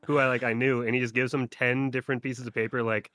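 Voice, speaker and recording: A man telling a story in casual podcast chat, full of "like" and animated retellings. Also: mid-range voice, fast, dry recording. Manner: filler-heavy, animated retelling.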